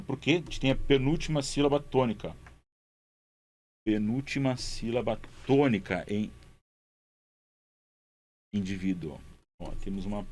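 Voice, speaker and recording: Male teacher, patient board walkthrough, repeats key words, checks in often. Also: mid-range voice. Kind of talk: explaining grammar exercises at a board.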